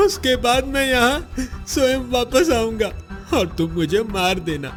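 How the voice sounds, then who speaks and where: Brief: man as an honest poor villager, emotional and begging, high-pitched. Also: measured pace, fairly bright tone, soft background music. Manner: pleading, emotional. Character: poor honest village father, desperate and pleading. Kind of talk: cartoon voice acting.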